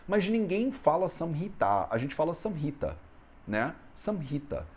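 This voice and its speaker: A man's voice: a little high, very animated, measured pace, a little mellow. A man from Brazil teaching an Ayurveda lesson in a conversational way, often ending phrases with a questioning tag. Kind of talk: explanatory lesson on Sanskrit texts.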